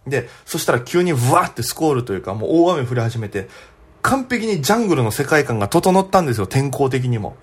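A young man, a comedian, telling a story alone on his podcast in a chatty, animated way. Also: mid-range voice, quick pace, slightly rough.

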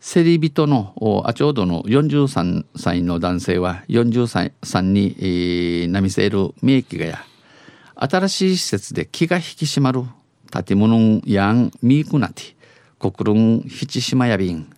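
With a sing-song lilt and a darkish tone, a man on the low side reads a little slowly, with no echo. He's the news reader for a dialect segment, speaking with an Okinawan accent and switching phrase by phrase between standard Japanese and Okinawan dialect, frequently restating what he said.

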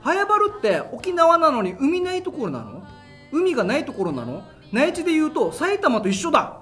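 A man's voice: very high voice, wildly swooping pitch, normal speed, fairly bright tone. A man hosting a local radio show, telling stories in a chatty way, laughing as he talks and using lots of fillers, recorded live in front of an audience. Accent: Okinawan. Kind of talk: casual solo radio talk. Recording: live recording with music behind.

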